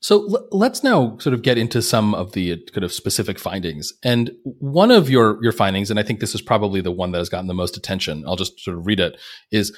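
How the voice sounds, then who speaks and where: Host interviewer, man with low voice, halting questions. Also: big pitch swings. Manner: halting, restarts, reads aloud. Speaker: podcast host.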